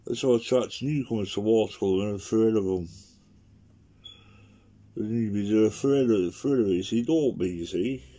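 Indoors in his living room, a man croaky from an infection demonstrates watercolour painting, talking to himself in a rambling, chatty way. His voice is fairly low and warm at normal speed, picked up by a camera on the table while he stays off-screen.

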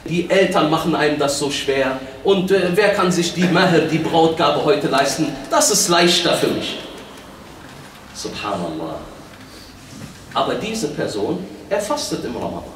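Impassioned preacher in an echoing hall. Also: male voice, very animated, measured pace. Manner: impassioned, swings between loud exhortation and low asides, quotes Arabic verses. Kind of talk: sermon. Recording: echoey hall from far off with faint noise.

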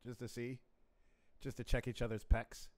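A man's voice: medium pitch, flat delivery, moderate pace, a little mellow. A man hosting a casual interview, joking and teasing his guest and laughing often. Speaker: host.

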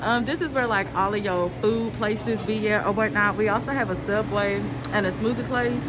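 A woman's voice: mid-range voice, fairly even intonation, normal speed. A young woman vlogging, talking casually and playfully as a college student, laughing and hyping up her friends. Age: young adult. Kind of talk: casual vlog chat. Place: outdoors on a busy campus. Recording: crowd noise outdoors.

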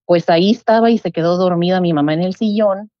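A middle-aged woman, telling a true story in a casual, animated way and acting out the voices she quotes. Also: fairly low pitch, brisk, no room sound. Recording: dull lo-fi dry sound.

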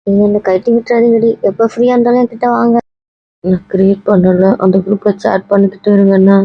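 A woman's voice: mid-range voice, flat delivery, fairly quick, dry recording, lo-fi sound, close to an everyday voice. A woman playing a tearful young wife off to college, whiny and pleading, in a homemade skit.

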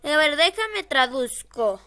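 A scared woman streamer commentating casually on a horror game. Her voice is high and bright, and she takes her time. She nervously repeats short phrases as she plays. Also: very animated, slow pace.

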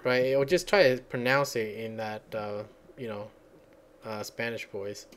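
Casual tutorial host, male, mid pitch, rambling, talks while typing. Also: steady tone, a little slow, a bit bright. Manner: rambling, thinks aloud and searches for words. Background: computer keyboard typing.

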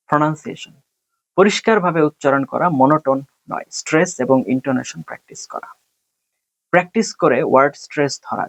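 A man teaching an IELTS speaking lesson over a computer screen, switching between quick explanation and slowly read English example answers. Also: medium pitch, no room sound. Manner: reads English model answers slowly and deliberately. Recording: dry, dull lo-fi recording.

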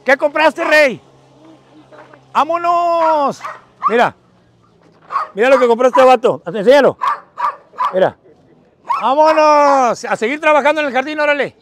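A man's voice: very high-pitched, lively intonation, brisk, long pauses. A middle-aged man with a northern Mexican accent campaigning on the street, chatting in affectionate slang and calling out to passers-by. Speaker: political campaigner. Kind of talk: casual street campaigning chat. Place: outdoors on a dusty neighborhood street. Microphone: phone held by someone a few meters away. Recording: noisy outdoor street, phone video.

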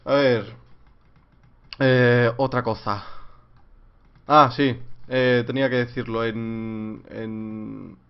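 A man's voice: mid-range voice, clean tone. Jokey Spanish man on a dull stream. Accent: Spain. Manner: rambling and jokey, with sudden loud jumps. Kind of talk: casual livestream Q&A. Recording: slightly dull lo-fi stream audio.

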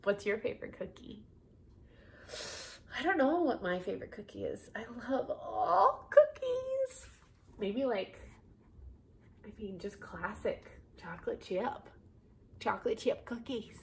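A woman reading a children's picture book aloud, animated, with giggly asides to her listeners. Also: fairly high pitch, a little slow, creaky, pauses often, slight background noise. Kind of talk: storybook read-aloud.

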